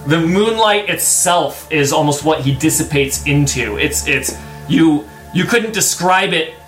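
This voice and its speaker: A man's voice: a little high, a bit bright. A man improvising the narration of a tabletop role-playing game as game master, often stopping and correcting himself. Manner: halting, self-correcting storytelling. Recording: echoey room with music behind. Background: background music.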